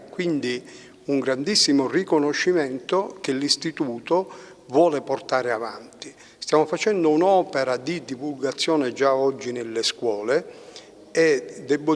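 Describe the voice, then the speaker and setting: Slow-spoken man in a reverberant hall. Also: on the high side. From Sicily, Italy. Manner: earnest, halting, measured formal phrasing. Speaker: cultural institute representative. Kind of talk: formal interview answers.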